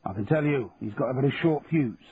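A man's voice: medium pitch, fast talker, lightly acted. A man voicing a blunt, world-weary duty sergeant giving a warning. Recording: tinny phone-like, faint hiss.

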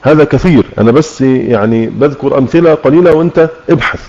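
A man's voice: medium pitch, a little mellow. Egyptian man teaching Quran recitation. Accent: Egyptian Arabic. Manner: explains with questions to listeners, slows to demonstrate recitation. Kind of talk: religious lesson on tajweed. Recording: muffled lo-fi online audio room.

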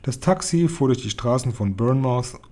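A man reading a children's novel aloud as narrator, calm and even. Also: medium pitch, normal speed. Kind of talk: audiobook reading.

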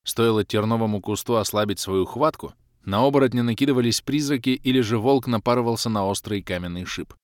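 A man narrating a first-person fantasy adventure, lively and shouting out the dialogue lines. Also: medium pitch, brisk, no room sound, studio quality. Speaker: audiobook narrator. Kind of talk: scripted narration.

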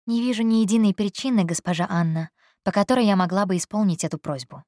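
A composed young woman who never raises her voice, speaking softly and evenly with quiet irony. A woman reads her in an audiobook, recorded close and dry. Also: medium pitch, no echo, natural voice. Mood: calm. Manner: even, soft and unhurried.

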